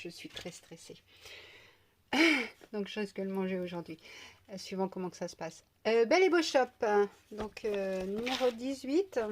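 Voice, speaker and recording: A woman's voice: medium pitch, background noise. A woman chatting casually through an unboxing at home, with many fillers, sometimes cooing to her pet. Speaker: beauty vlogger.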